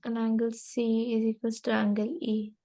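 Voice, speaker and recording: Female student, higher-pitched monotone, slow and hesitant, short lesson answers. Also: dry recording. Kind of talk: answering a tutor in short replies.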